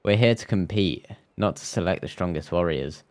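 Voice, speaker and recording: A live streamer with a low, darkish voice speaks at normal speed while playing a game, with game music in the background. He reads dialogue aloud and jokes about it, sometimes tripping over the lines.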